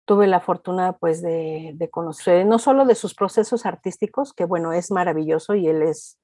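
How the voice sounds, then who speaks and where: A woman's voice: lowish voice, normal speed, warm tone, no room sound. A middle-aged woman with a Mexican accent, a culture reporter telling anecdotes in a casual interview and acting out the people she quotes.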